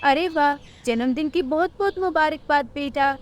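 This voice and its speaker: A woman's voice: sits high, normal speed, dull audio, slight background noise, close to an everyday voice. A woman voicing a gracious, friendly bird queen in a cartoon.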